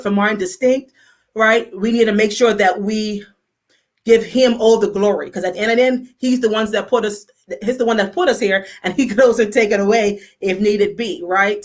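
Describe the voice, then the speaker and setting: Upbeat Bermudian woman on a talk show. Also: medium pitch. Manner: upbeat and energetic, enthusiastic shout-outs. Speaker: guest, fashion designer. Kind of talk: casual talk show chat.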